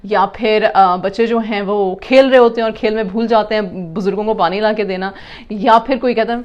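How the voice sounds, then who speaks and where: A woman's voice: mid-range voice, fairly even intonation, darkish tone, highs cut off. A woman explaining communication to parents, mixing in English terms and acting out example lines.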